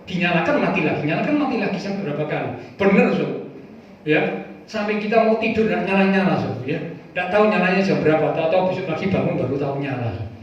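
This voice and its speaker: Male pastor, lively sermon, echoey church hall, dull far-off mic. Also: high-pitched, fast talker, slight background noise. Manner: lively, folksy preaching with playful asides.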